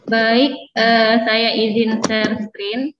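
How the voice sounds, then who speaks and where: A woman's voice: a little high, flat delivery, extremely slow, noisy background. An Indonesian-accented woman speaking through a face mask, giving a semi-formal seminar talk in a conversational way that often checks in with listeners. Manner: conversational, frequently checking with listeners using tag phrases. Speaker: guest lecturer at an online seminar. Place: room on a university campus, on a video call. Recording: dull lo-fi video call audio.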